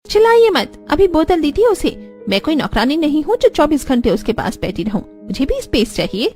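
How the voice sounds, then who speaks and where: A spoiled young cartoon mother, as a woman plays her, shrill and high, whining and waving things off. Her pitch swoops up sharply, with faint music underneath. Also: big pitch swings, brisk, darkish tone. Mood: defiant. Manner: whiny, dismissive, mixes English words. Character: spoiled modern young mother, selfish, dismissive.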